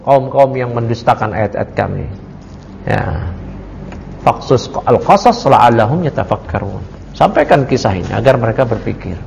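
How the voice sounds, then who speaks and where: A man's voice: fairly high pitch, gravelly. A man teaching a religious study circle, conversational, reciting verses and then explaining them casually while asking the audience questions. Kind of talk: sermon-style book study. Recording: long reverb, faint background noise.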